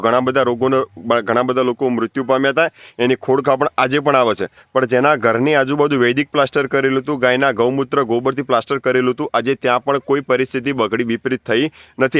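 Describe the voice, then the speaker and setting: A man's voice: medium pitch, a bit bright, no echo, highs cut off. Man earnestly urging. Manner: preachy, repetitive, urging listeners. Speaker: natural farming advocate. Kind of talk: earnest spoken appeal.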